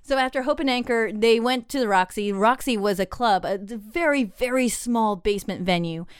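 Woman, podcast co-host, chatty storytelling, fillers and restarts, fairly high voice. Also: moderate pace, clear, resonant tone, no room sound, studio quality. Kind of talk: casual storytelling chat.

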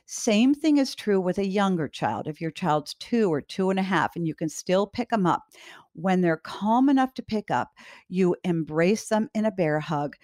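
A woman host giving parenting advice directly to parents, calm, firm and reassuring. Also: on the low side, normal speed, dry recording, studio quality.

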